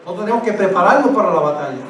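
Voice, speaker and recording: A man's voice: high voice, animated, racing, crowd noise. A man preaching a sermon in a church, exhorting his listeners with emphatic repetition and direct address. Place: church sanctuary. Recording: echoey church from a distant mic.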